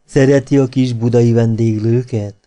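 A coquettish young actress from a storybook, lingering over every word in a mellow, darkish voice, as a man reads her part. She is playful and teasing, and she draws out her phrases slowly. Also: medium pitch, fairly even intonation, soft background music, close to an everyday voice.

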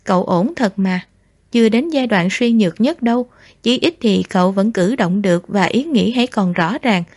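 A woman narrating a novel as an audiobook in a measured, soft delivery. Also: mid-range voice, animated, dry recording. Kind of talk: scripted story narration.

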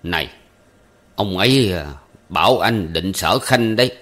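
A man voicing a calm older gentleman who speaks in an unhurried, measured way. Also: low-pitched. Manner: unhurried, measured, mildly ironic.

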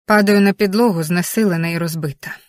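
A woman's voice: fairly low pitch, fast, dry recording. A woman reading a first-person story aloud as an audiobook narrator, in a tense, vivid present-tense manner.

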